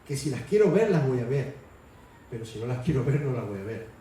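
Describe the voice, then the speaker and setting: A man's voice: mid-range voice, sing-song, brisk, dark tone, slight background noise. Man preaching in an echoey church hall. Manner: conversational, acts out quotes in a raised voice. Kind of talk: sermon. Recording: echoey hall, mic far off.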